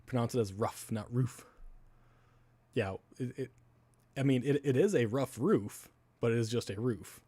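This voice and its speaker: A man's voice: medium pitch, expressive, measured pace, pauses often, mellow, husky, no room sound. A man from Wisconsin with a Wisconsin accent, rambling in casual live-stream chat with viewers, laughing often and swearing casually.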